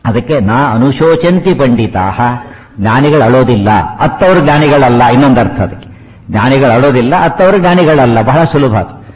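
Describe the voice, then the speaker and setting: A man giving a spiritual discourse on scripture. He chants verses slowly, then explains them in a conversational way, with rhetorical questions and everyday examples. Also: mid-range voice, low-quality recording. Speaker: religious speaker.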